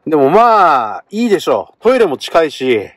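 Excitable male vlogger, husky, lively pitch, talking from a parked car. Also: normal speed, no room sound. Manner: excitable, talks to camera while eating. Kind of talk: casual car-camping vlog.

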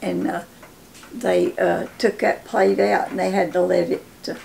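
A woman in her nineties with a Southern Appalachian accent, reminiscing casually in a halting, folksy way with repeated words. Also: fairly low pitch, level tone, vocal fry, a little mellow. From Appalachia, southern United States. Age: 90s. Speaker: interviewee telling life story. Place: home living room, indoors. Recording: faint background room noise.

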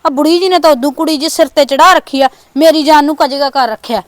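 A woman's voice: high voice, quick pace, no echo. A woman acting as an overworked daughter-in-law in a scripted village sketch, grumbling and resentful. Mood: muttering.

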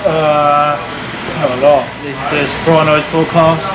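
A man's voice: fairly high pitch, little pitch movement, a little slow, over a noisy crowd, rough recording. A young man traveling with a friend, answering casual questions in a laid-back, hesitant way. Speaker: travel companion. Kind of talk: casual chat.

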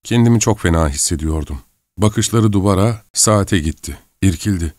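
A man narrating a novel in the first person in a measured, reflective way, on a close studio mic. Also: sits low, darkish tone, no room sound. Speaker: audiobook narrator.

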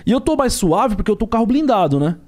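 A young man tells a story with quick, slangy street talk, playing out every exchange. His voice sits a bit high and leaps around in pitch. He rushes along at a rapid clip. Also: sing-song, a little mellow. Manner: slangy and street-talking, acts out dialogue. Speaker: ride-share driver and podcast guest. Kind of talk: storytelling in a podcast chat.

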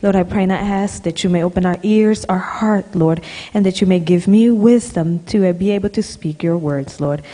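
A young woman from Honduras, preaching in a church hall and pausing after each phrase for an interpreter, speaking into a handheld microphone. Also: lowish voice, mellow. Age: young adult. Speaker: guest preacher. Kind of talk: sermon with live interpretation.

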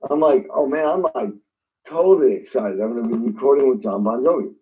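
A man with a dark, mellow voice tells his story with a lot of life, jumping into other people's voices as he recounts phone calls. The sound is a bit dull and lo-fi. He talks like an easygoing guest in a casual interview. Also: mid-range voice, expressive, fairly quick. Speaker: guest drummer.

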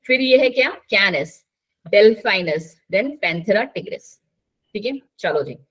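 A woman's voice: mid-range voice, expressive, unhurried, fairly bright tone, husky. A woman teaching a live online biology class, chatty and coaxing, mixing English terms into her talk.

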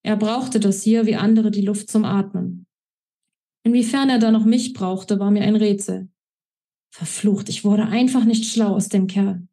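Mellow-voiced woman reading her novel. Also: mid-range voice, a little slow. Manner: expressive first-person narration. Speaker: author.

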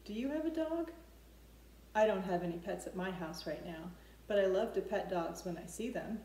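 A woman in her forties hosts a preschool storytime in a home living room with an open kitchen, explaining things simply and asking the children questions. Her medium-pitched voice is mellow and lively in intonation, at a normal speed. The recording has a roomy echo and noticeable background noise.

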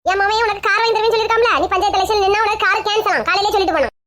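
Woman acting a bossy old mother-in-law, Kanyakumari Tamil accent, very high squeaky voice, coaxing and nagging, comedy sketch. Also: rapid-fire, fairly bright tone. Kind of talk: comic family sketch.

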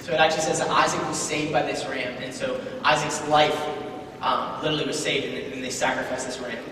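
A man's voice: mid-range voice, fairly even intonation, a little fast, background noise. A young man giving a casual, joking stage talk that retells a Bible story, acting out the characters' voices as he goes. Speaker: youth speaker. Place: large hall on stage. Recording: echoey hall, mic from far off.

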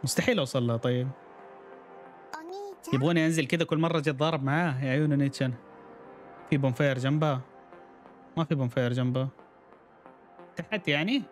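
A man's voice: a little high, fast, pauses often, soft background music. Chatty gaming streamer man. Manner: chatty, reacts aloud and talks to chat. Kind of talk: casual gameplay commentary.

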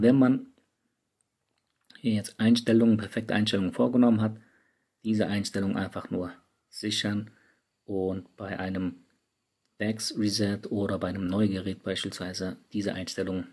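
A man's voice: fairly low pitch, level tone, normal speed, pauses often, a little mellow, breathy edge. A man talking viewers through phone settings in a casual, chatty tutorial, speaking straight to his audience. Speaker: tech YouTuber. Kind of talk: screen-recorded app tutorial. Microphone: studio microphone.

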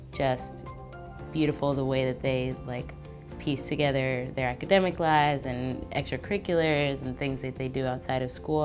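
A young woman from New York City, a medical student, speaking casually and with enthusiasm in a studio interview. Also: very deep voice. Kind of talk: interview testimonial. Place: studio with gray backdrop. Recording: background music clearly heard.

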